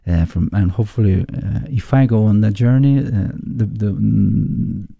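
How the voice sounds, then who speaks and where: Here a musician guest in a relaxed interview talks haltingly and thoughtfully, groping for words. His voice is gravelly and very dark, pitched low, with an Argentine Spanish accent. The audio sounds close and dry, free of any room sound.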